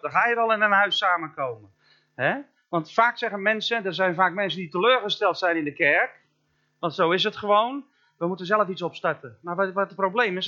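A man preaching a sermon as a pastor, chatty and joking, asking the congregation questions and slowing down to stress key words. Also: high-pitched, pushed and bright, muffled recording. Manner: conversational and joking, asks the listener questions.

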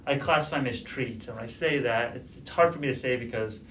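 A man's voice: medium pitch, fast talker, fairly bright tone. A man chatting casually as a podcast guest, speaking through a face mask that slightly muffles his voice. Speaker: podcast guest, registered dietitian. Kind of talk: casual chat. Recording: muffled, distant from mic, background noise.

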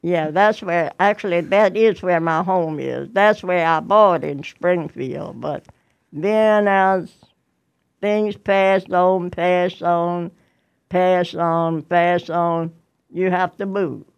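Very old woman, interview guest, slow and rambling, high smooth voice. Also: steady tone. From Tennessee, USA. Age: 100. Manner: rambling, repeats phrases, laughs often. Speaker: choir member, interview guest. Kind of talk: casual interview chat.

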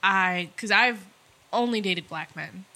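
A woman's voice: mid-range voice, takes it slowly, pushed and bright. A woman co-hosting a podcast, talking candidly and reflectively in casual chat, with some swearing. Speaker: podcast co-host.

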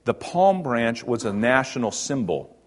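Male pastor, mid-pitched, preaching in a relaxed teaching tone that swings between emphatic highs and hushed lows. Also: a little slow. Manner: conversational teaching, rising to emphatic bursts and dropping to quiet. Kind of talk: sermon.

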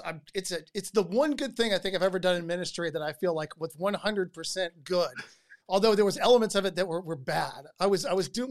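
Animated and energetic, this podcast host frequently trips over repeated words at the start of his sentences while telling stories. His voice sits at a mid pitch, ranging broadly as the tale gathers momentum.

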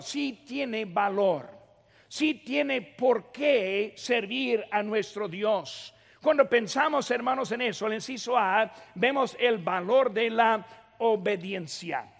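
A man's voice: high voice, gravelly. A middle-aged man preaching a sermon as pastor, addressing the congregation with rising emphasis. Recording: long hall reverb.

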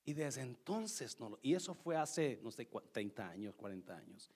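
A man's voice: mid-range voice, big pitch swings, moderate pace, slightly rough. A middle-aged man preaching a sermon, telling a personal story and mixing English words into Spanish. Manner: shifts from loud reading to soft storytelling. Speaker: pastor.

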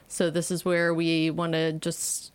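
A woman's voice: deep voice, monotone, unhurried, clean tone. A woman co-hosting a podcast in casual, chatty conversation. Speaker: podcast co-host. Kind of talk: casual chat.

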